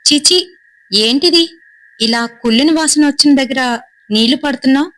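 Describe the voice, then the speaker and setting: A woman voicing a panicky young man, shrill. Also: moderate pace. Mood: disgusted. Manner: shrill, loud, alarmed exclamations. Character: frightened young man disgusted then panicking.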